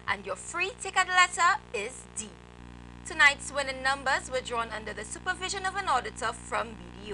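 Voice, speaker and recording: A woman's voice: sits high, bright, forceful tone, a little hiss or hum, rough recording. A young woman presenting a televised lottery draw, announcing formally from a script as the host. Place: TV studio.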